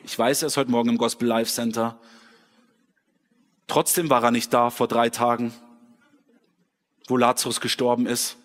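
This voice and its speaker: A man preaching a sermon in a church hall, switching between dramatic scripture reading and quiet personal reflection. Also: mid-range voice, little pitch movement, normal speed, pauses often. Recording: long hall reverb.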